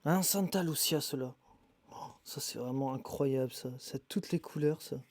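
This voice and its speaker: A man live-streaming as he sorts his isopod boxes, muttering asides with quick bursts of excitement. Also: medium pitch, no echo. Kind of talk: casual live-stream chat while handling animals.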